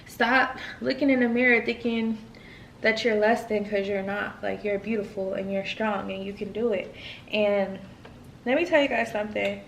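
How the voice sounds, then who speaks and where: A woman's voice: medium pitch, fairly even intonation, normal speed, creaky, slight background noise. Encouraging young woman in an echoey room. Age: 20s. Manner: encouraging, preachy, addresses viewers as y'all. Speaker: vlogger. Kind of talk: casual mukbang talk to camera. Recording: echoey room, far from mic.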